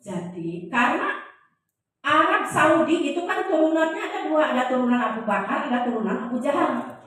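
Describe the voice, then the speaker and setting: A woman's voice: sits high, big pitch swings, moderate pace, a bit bright. Joking woman lecturer in an echoey hall. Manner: joking, quizzes the audience. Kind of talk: humorous classroom lecture. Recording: very echoey room, voice heard from a distance.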